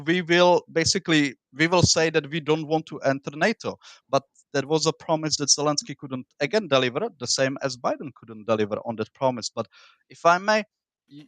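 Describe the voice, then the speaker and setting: A man who is not a native English speaker, with a foreign accent and rolled r's, argues in an informal political debate, often halting and repeating words. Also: fairly high pitch, a bit bright, dry recording. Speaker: debate participant.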